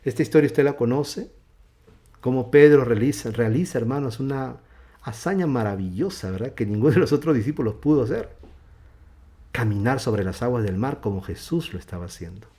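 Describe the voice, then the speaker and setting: A man preaching a sermon as pastor, swinging from loud, emphatic passages to hushed, low endings. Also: lively intonation, fairly quick. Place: church.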